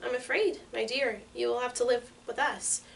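A kind little old witch from a storybook, read by a woman in a fairly high, gentle voice. She speaks slowly and softly. The voice sits a little back from the mic, over a faint hiss. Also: fairly even intonation, creaky, far from the mic, rough recording. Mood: kindly.

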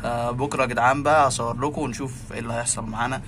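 A man's voice: medium pitch, fairly even intonation, racing, a bit bright, a little hiss or hum. A man with an Egyptian Arabic accent vlogging casually and teasing and coaxing his pet fox in a playful way.

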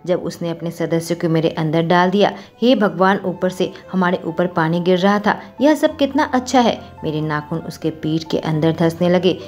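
A woman's voice: lowish voice, moderate pace, hardly any pauses, darkish tone, soft background music. A woman narrating a romantic story in the first person as a scripted reading.

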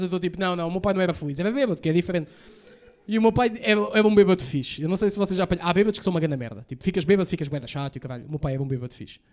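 A young man with a European Portuguese accent doing a stand-up set, telling profane stories rapid-fire and acting out the lines he quotes. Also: sits high. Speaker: stand-up comedian. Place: comedy stage before a live audience.

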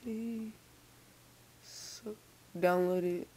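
A young teen with a mid-pitched voice talks through a casual, unscripted computer tutorial. The speech is halting and repetitive, a little impeded by a sore, braced mouth. A faint hiss sits behind the home-mic recording. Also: steady tone, a little mellow. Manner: halting, repeats words. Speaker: software tutorial maker. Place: indoors at a computer. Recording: hissy, noisy home microphone.

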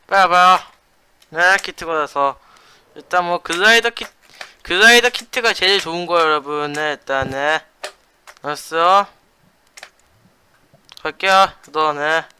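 A young man hosting a gaming channel, explaining a block-building PvP match in chatty commentary, adding "yes" after nearly every phrase and shouting during fights. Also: on the high side, a little slow, long pauses, slight background noise.

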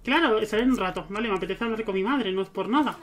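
A man's voice: high voice, racing. Chatty gamer man. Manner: chatty, talks to his game characters. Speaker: let's play gamer. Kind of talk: casual gameplay commentary.

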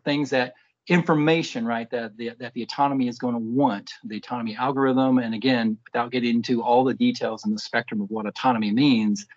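A man giving briefing remarks over a video call, often restarting phrases and tagging points with "right?". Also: mid-range voice. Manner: restarts, tag questions "right?". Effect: heard over a video call. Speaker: Air Force program leader. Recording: muffled video-call audio.

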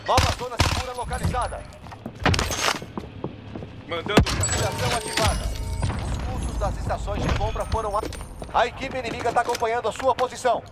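An urgent, commanding military operator from a video game. The voice is high and clipped, calling alerts under heavy gunfire noise. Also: male voice, fairly quick, long pauses. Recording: loud gunfire over game audio.

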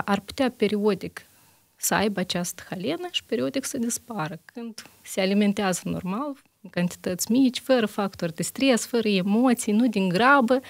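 A woman's voice: medium pitch, no echo. A woman internist answering interview questions on a health show, methodical, listing examples with frequent hesitations.

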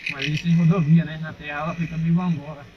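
Out on a dirt road on his motorcycle, a young Brazilian man with a fairly high voice talks fast and casually to viewers, calling them "rapaziada". The motovlogger speaks Brazilian Portuguese, and his helmet-mounted action camera sounds dull and muffled, with engine and wind noise steady and loud.

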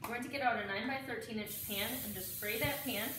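A woman in her thirties, a home cook, gives casual step-by-step cooking instructions in her home kitchen while dishes clatter behind her. Her pitch is fairly high and she talks fast. A camera a few steps away makes the recording roomy and distant, with clear noise.

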